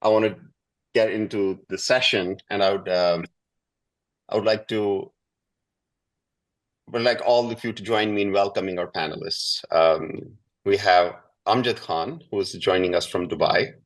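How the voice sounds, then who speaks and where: Guy with a really low voice hosting an online panel, halting and hesitant, informal intros. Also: rough recording. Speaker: panel moderator. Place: online video call.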